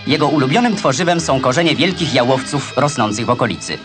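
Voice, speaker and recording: A man delivering brisk, declamatory commentary as the narrator of an old 1960s newsreel. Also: mid-range voice, expressive. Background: loud music.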